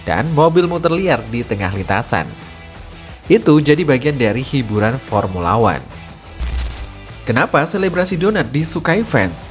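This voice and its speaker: A man giving scripted, energetic narration in a casual, slangy way, building drama as he explains. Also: medium pitch.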